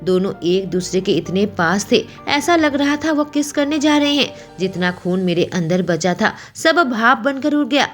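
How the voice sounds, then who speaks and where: A woman narrating a romance story in first person, emotional and expressive. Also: mid-range voice, measured pace, hardly any pauses, faint music behind.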